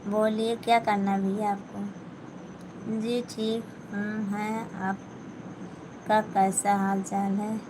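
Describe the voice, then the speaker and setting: Very slow and full of long pauses, a woman's mid-range, level voice comes through a noisy background. She speaks Hindi with an Awadhi accent while sewing at home on a casual live stream, reading out viewers' comments and replying to them individually.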